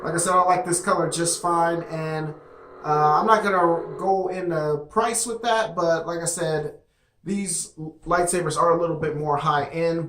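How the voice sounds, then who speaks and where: A man's voice: a little high, fairly bright tone. A man casually reviewing a product, rambling with many fillers and restarts. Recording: echoey room.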